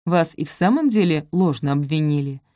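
A woman voicing a stern, weary middle-aged male magistrate who speaks gruffly and impatiently. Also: low-pitched, animated, brisk, mellow, no echo, clean studio sound.

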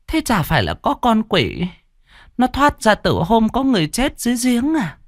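An old grandmother with a raised, thin voice who speaks slowly and ominously, put on by a male storyteller. Her carries through a lively, wandering pitch. The sound is close and dry. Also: dry recording, full character voice. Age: older. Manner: slow, knowing, ominous talk.

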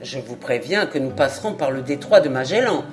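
A woman voicing a composed male Scottish lord with a dry sense of humor, speaking calmly and deliberately. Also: a bass voice, faint music behind, pitched below the performer's own voice. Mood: teasing. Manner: calm, deliberate, teasingly serious.

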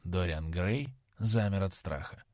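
A man narrating a classic novel as an audiobook in a dramatic, expressive manner. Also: low voice, a little slow, no room sound, clean studio sound. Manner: dramatic, lively storytelling.

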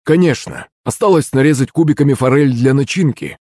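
A man's voice: medium pitch, fairly quick, warm tone, no room sound, studio quality, pitched above the performer's own voice, lightly acted. A man putting on a fussy, flustered servant cook. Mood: cheerful. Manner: fussy, protesting, easily flustered. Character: bumbling eager male servant cook. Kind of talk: audiobook character voice.

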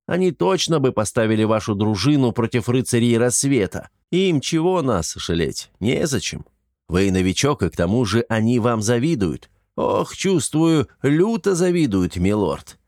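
A man's voice: mid-range voice, big pitch swings, moderate pace, darkish tone, no room sound, clean studio sound. A man voicing a grumpy, loyal older retainer who scolds others and warns his lord with wary caution. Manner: gruff, scolding, sagely cautious.

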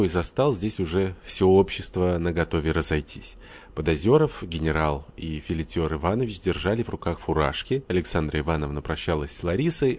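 A man narrating an audiobook in an even, unhurried manner. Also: deep voice.

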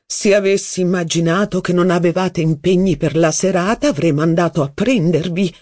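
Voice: mid-range voice, moderate pace, a little mellow, no echo, studio quality, lightly acted. An audiobook reader voicing a haughty, witty aristocratic duchess, with mocking, theatrical, exclamatory speech. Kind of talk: audiobook reading.

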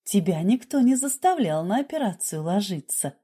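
Brief: woman playing a brusque, scolding nurse, husky and plainspoken, audiobook reading. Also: fairly low pitch, unhurried, dark tone. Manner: brusque, lecturing. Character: blunt, scolding middle-aged nurse.

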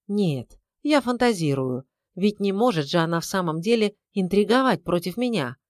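A woman's voice: mid-range voice, animated, normal speed, a little mellow, no echo, studio quality, lightly acted. A woman voicing the anxious, suspicious inner thoughts of a young woman.

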